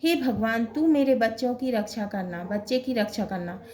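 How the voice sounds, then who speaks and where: A woman voicing a worried mother, slow and prayerful as she reads the lines. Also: fairly high pitch, lively intonation, a little mellow, lightly acted. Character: worried mother praying for her sons.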